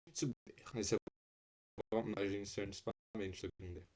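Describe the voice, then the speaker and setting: Slangy, swearing teenage streamer. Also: male voice, lowish voice, steady tone, moderate pace, darkish tone, slight background noise. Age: teens. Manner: loose, slangy and swearing, trailing restarts. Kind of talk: casual live-stream chat.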